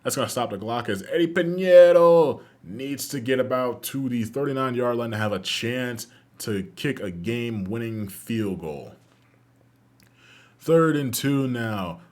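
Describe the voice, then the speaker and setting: A man doing excitable play-by-play commentary over a football video game, calling each play like a sportscaster. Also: mid-range voice, unhurried. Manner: excitable, calls plays like a sportscaster. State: out of breath at the end. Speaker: YouTube gaming host.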